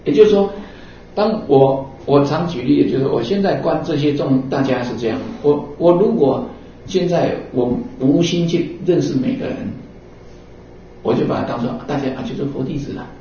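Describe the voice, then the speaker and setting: Mellow-voiced Buddhist teacher in an echoey hall. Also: male voice, on the high side, normal speed, slight background noise. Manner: conversational, acts out little dialogues, many fillers like 啊 and 哦. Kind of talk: sermon. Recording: roomy echo from a distant, dull mic.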